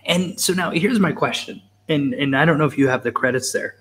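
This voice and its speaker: A man's voice: a little high, brisk, a bit bright, a little hiss or hum. A man co-hosting a casual album review, thinking aloud with frequent restarts and hesitations. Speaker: co-host. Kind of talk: casual music review chat.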